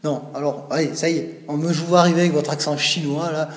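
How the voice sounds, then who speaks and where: A man's voice: a little high, steady tone, fast talker. A young man hosting a comic help desk sketch, in a mock-formal, flustered way. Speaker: comedy segment host. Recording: echoey room.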